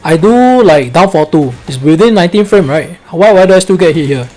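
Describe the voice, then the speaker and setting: Man, Singlish accent, somewhat high pitch, casual coaching, colloquial, often asks "right?". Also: animated, a little fast, dark tone. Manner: colloquial Singlish, checks understanding with frequent "right?". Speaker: fighting game coach. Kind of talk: casual live coaching with game demonstrations.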